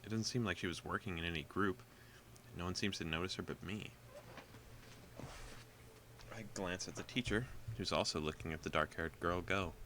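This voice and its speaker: A man's voice: low voice, normal speed, pauses often, background noise. A man reading a visual novel aloud for a gaming video, with casual, joking asides. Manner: casual, joking asides between read passages.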